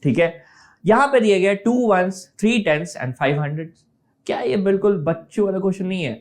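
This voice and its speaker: A man's voice: high-pitched, fairly quick. A male maths teacher giving an online class, explaining step by step, mixing English terms into Hindi, and keeping on asking whether students have understood.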